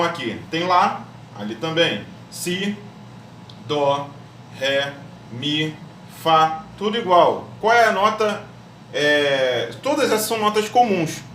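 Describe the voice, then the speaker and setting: A man's voice: fairly high pitch, fairly bright tone, distant mic. A man teaching a music theory lesson step by step, often checking in with his students. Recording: echoey room, voice off-mic, faint hum.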